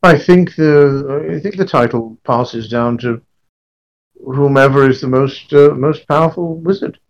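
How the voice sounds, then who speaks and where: A man's voice: mid-range voice, measured pace, lo-fi sound, close to an everyday voice. A man voicing a miserable, timid scribe in a tabletop game, stammering apologetically and hesitantly. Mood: hesitant, gloomy. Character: miserable, timid, down-on-his-luck male scribe. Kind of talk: tabletop role-play.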